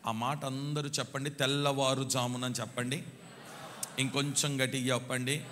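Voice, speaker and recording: A man's voice: medium pitch, little pitch movement, normal speed. Man preaching in an echoing church hall. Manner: emphatic, repeats phrases, urges the congregation to answer louder. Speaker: pastor. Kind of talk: sermon. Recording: long hall reverb.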